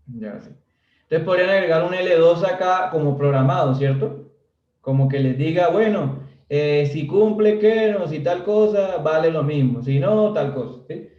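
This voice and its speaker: A man's voice: fairly high pitch, normal speed, far from the mic. A man teaching a civil engineering class in a casual, chatty way, always checking whether his students follow and joking with them. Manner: chatty, constantly checks understanding with "¿sí?", jokes with students. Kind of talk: casual recorded lecture. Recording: dull, roomy audio from off mic.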